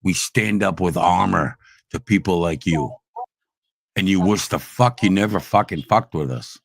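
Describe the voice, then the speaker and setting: Profane ranting man, low voice. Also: a little slow, vocal fry, slightly rough, dry recording. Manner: profane, aggressive, swings between shouting and low growls. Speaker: streamer ranting at online trolls. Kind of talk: heated livestream rant.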